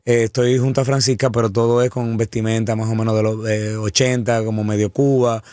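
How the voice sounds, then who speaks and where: A man's voice: on the low side, level tone, a little fast, a little mellow, dry recording, clean studio sound. A man, a singer, chatting eagerly in an interview, often repeating and restarting words. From Dominican Republic. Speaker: singer guest. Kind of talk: casual interview chat.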